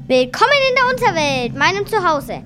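A woman's voice: high voice, very animated, a little fast. A woman playing a gleeful, petulant, childlike god of the underworld in a children's audio drama. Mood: gleeful, teasing. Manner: childlike, exclamatory, teasing.

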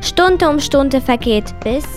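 A woman narrator telling a children's adventure story in a lively scripted style. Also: high-pitched, slow pace. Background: music.

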